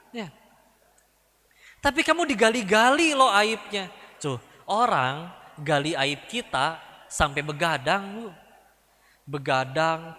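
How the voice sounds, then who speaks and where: A man's voice: high voice, pushed and bright. A man in his giving a humorous sermon to a live crowd, joking and acting out quoted voices. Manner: jokey, acts out quoted voices, addresses the crowd directly. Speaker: preacher. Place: large mosque gathering. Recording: reverberant hall sound system.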